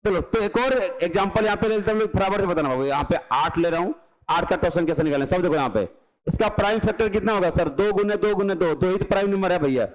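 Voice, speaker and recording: A male math teacher giving an exam-prep lecture, brisk and coaxing, often acting out his students' questions and answering them. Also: high voice, low-quality recording.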